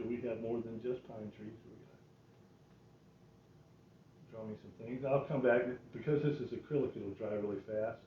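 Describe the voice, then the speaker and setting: A man in his sixties talks casually through a painting lesson, muttering to himself in a folksy, self-mocking way. His pitch is ordinary for a man. The sound is roomy and somewhat dull, with faint noise behind him. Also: recorded from a distance. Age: 60s. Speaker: painting demonstrator. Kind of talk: casual painting tutorial, talking while working. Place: small curtained indoor painting space.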